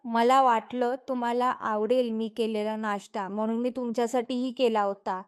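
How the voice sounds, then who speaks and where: A woman voicing a timid young wife in an audio story reading, soft-spoken and hesitant, with a fairly high voice. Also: fairly even intonation, moderate pace, clear, resonant tone, close to an everyday voice. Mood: hurt.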